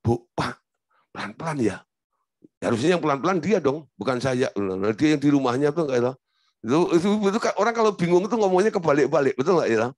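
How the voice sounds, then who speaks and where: Casting: male pastor, animated and swooping pitch, storytelling sermon, dry close sound. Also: fast, no room sound. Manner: storytelling, acts out quotes, asks rhetorical questions.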